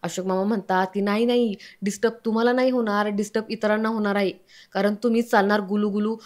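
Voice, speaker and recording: A woman's voice: mid-range voice, fast. A woman with a Marathi accent retelling a television serial episode as a story, reading every character's lines herself. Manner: reads all characters' lines herself, quoting them in a mostly even tone. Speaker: serial episode recap narrator.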